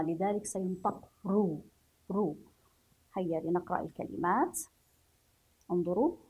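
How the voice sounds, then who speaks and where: A woman teacher giving a children's reading lesson, slowly drawing out words and praising her pupils. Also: mid-range voice, a little mellow, slightly rough, low-quality recording. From Yemen. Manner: slow drawn-out syllables, praising pupils.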